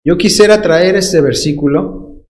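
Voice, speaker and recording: Here a man with a Dominican Spanish accent delivers a sermon, his high voice a little slow and a little mellow. Playful yet emphatic, he draws out important words and mocks the excuses people give.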